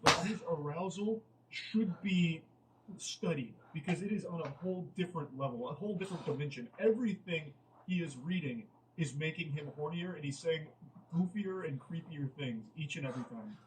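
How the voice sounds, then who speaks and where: A man with a fairly high voice gives comedic commentary, sounding incredulous and exasperated, and he swears freely. He is recorded a little away from the mic. A faint noise runs underneath. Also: expressive, normal speed, far from the mic, low-quality recording. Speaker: commentator reading out a dating app chat.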